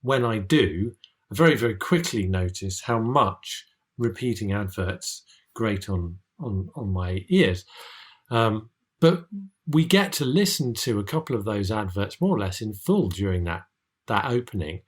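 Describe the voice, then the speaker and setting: A man's voice: fairly low pitch, animated, unhurried, breathy edge. A man from England co-hosting a podcast, speaking hesitantly and repeating words as he talks. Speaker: podcast co-host. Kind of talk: casual chat.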